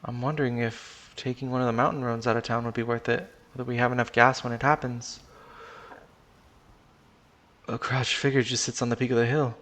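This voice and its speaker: A man's voice: medium pitch, flat delivery, a little fast, fairly bright tone. Casual man narrating a first-person story. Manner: casual, swears, restarts sentences.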